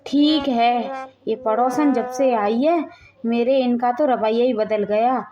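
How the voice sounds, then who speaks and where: Casting: a sulky complaining wife, voiced by a woman, high voice, dull lo-fi sound. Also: steady tone, slow, crowd noise. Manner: whining, grumbling. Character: put-upon heavy wife, sulking and complaining.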